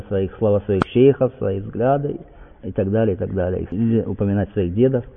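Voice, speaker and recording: A man delivers a religious lecture, quoting Arabic lines before explaining them and often stopping to ask his listeners rhetorical questions. His voice sits at an ordinary pitch. The recording sounds thin and phone-like, with a long reverb tail as if from a large hall. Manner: asks rhetorical questions and checks in with 'okay?'; quotes passages in Arabic, then explains them. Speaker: Islamic preacher.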